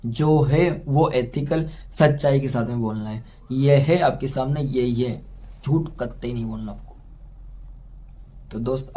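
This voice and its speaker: A man's voice: mid-range voice, mellow, slight background noise. Man giving a step-by-step sales training. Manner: addresses listeners as friend, lists numbered steps. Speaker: network marketing trainer. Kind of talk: motivational training talk.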